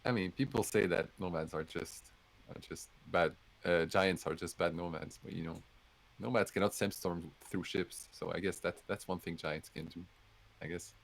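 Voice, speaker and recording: A man's voice: deep voice, fairly even intonation, normal speed, gravelly, slight background noise, low-quality recording. A man discussing board game strategy on a live stream in an analytical, easygoing way.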